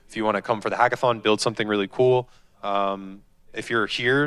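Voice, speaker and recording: A man's voice: on the low side, a bit bright, clean tone, dry recording. A man organizing a tech event, making informal announcements to an audience.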